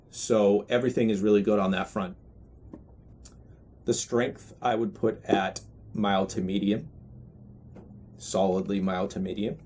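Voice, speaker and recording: A man giving a casual, unscripted review in a measured, deliberate way, often pausing mid-phrase. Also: fairly low pitch, a little mellow. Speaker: pipe tobacco reviewer.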